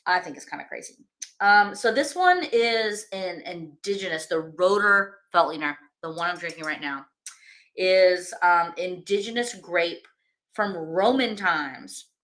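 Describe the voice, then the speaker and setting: Bright-voiced chatty woman wine host. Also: fairly low pitch. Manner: chatty and rambling, many fillers; enthusiastic. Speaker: wine-tasting livestream host. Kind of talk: casual chat while tasting wine.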